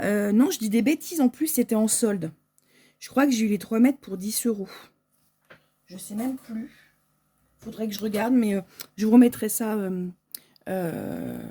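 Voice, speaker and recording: Chatty French woman, mellow husky voice. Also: medium pitch. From France. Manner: chatty, hesitant, lots of fillers. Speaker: sewing shop owner. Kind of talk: casual unboxing vlog. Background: crinkling packaging.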